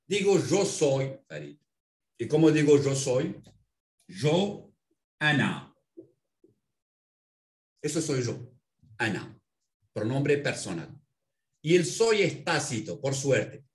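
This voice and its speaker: Man, language teacher, animated pitch, patient explaining, echoey room. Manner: patient, explanatory, spells out words slowly. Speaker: Arabic language instructor. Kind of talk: explaining a language lesson in an interview.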